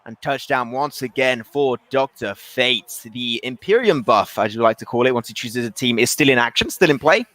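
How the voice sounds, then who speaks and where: A man doing excitable play-by-play commentary on an esports football match, often restarting his sentences. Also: mid-range voice, dry recording. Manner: rapid, excitable calls with frequent restarts.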